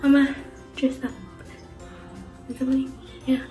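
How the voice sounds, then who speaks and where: A woman's voice: high-pitched, monotone, takes it slowly, mellow, soft background music. A young woman vlogging casually at home on her phone, chatty, laid-back and slangy. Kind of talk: casual vlog. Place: home, indoors.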